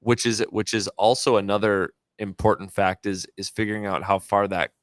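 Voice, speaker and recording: A man's voice: lowish voice, little pitch movement, moderate pace, clear, resonant tone, no echo. A man is chatting on a golf show. He talks loosely and keeps correcting himself. The sound is close and dry. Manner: chatty, self-correcting, jokes about his own radio DJ voice. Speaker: golf podcast co-host. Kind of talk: casual chat.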